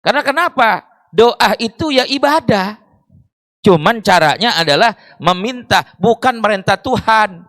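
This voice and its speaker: A man's voice: high-pitched, expressive, measured pace, fairly bright tone, no echo. A man preaching a sermon in a mosque, explaining with rhetorical questions and Arabic phrases.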